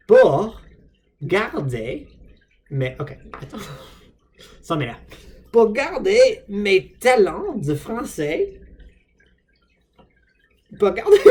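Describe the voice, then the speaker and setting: American man, English native, unscripted French vlog; animated pitch, hesitant and self-mocking. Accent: American, speaking French as a learner. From United States. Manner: hesitant, many fillers and restarts, self-deprecating. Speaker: vlogger.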